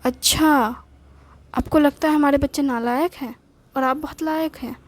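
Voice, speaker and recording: A woman voicing a scolding, sharp-tongued older wife. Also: high voice, fairly even intonation, moderate pace, natural voice. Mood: curt. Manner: scolding, curt. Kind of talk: storytelling with acted dialogue.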